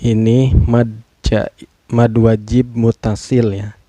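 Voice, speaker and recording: A man's voice: mid-range voice, flat delivery, takes it slowly, dark tone, dry recording. A man teaching Quran recitation rules, patiently spelling out each rule and stretching words to demonstrate. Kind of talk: tajwid lesson with slow demonstrative recitation.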